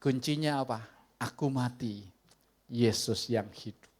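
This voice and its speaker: Male pastor, church sermon, animated and joking, casual slang. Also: mid-range voice, unhurried. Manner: humorous, animated storytelling with slangy asides. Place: church sanctuary.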